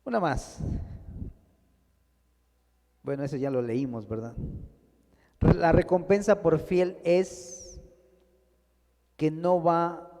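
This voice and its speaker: A man's voice: fairly high pitch, slow pace, pauses often, warm tone. Preaching man in a reverberant church. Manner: preaching, addressing the congregation as brothers, rising and falling emphasis. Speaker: pastor. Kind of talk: sermon.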